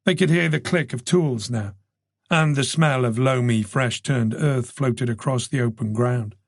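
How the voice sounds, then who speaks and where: A man narrating a mystery audiobook in a measured, steady way. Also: mid-range voice, vocal fry, no room sound, clean studio sound. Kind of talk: scripted narration.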